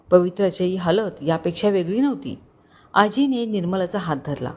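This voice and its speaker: A woman storyteller narrating a dramatic family story, expressive and vivid. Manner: expressive, voices characters with rising pitch in tense moments.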